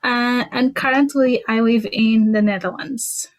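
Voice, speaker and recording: A woman's voice: a little high, steady tone, a little slow. A young woman from Portugal, a native Portuguese speaker, talking casually as a podcast guest, thoughtful with many fillers and restarts. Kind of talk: casual interview chat.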